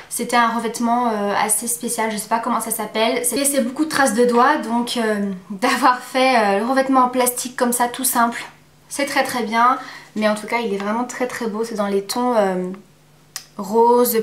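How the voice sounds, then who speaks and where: A woman giving a casual, chatty makeup review at home, pausing often on fillers. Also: on the high side, steady tone, roomy sound. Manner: chatty, many filler pauses. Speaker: beauty vlogger.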